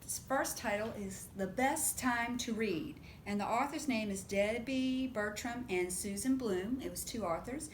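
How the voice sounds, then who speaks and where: A woman leads a preschool storytime, reading aloud and adding simple explanations and questions for young children. Her fairly high voice moves unhurriedly with few pauses. The recording has a roomy echo and faint background noise.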